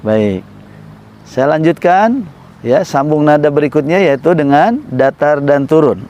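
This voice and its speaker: A man teaching Quran recitation melodies, explaining slowly and patiently and chanting sung examples. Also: a little high, animated, darkish tone. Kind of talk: recitation tutorial.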